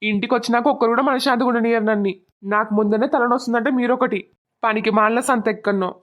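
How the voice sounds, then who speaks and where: A woman's voice: fairly high pitch, steady tone, rapid-fire, natural voice. A woman voicing a stern angry village father. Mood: scolding. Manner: scolding, blunt. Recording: dull lo-fi recording.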